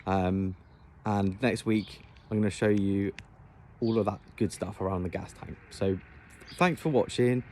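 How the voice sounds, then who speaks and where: A man with a fairly low voice hosts a casual build walkthrough, explaining things informally. There is faint noise in the background. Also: unhurried, dark tone. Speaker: DIY bus conversion video host.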